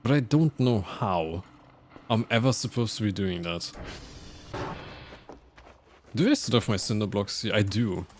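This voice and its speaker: Animated male game streamer, faint noise. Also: fairly low pitch, unhurried, long pauses. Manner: animated, swearing, laughing at mishaps. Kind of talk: live gaming commentary.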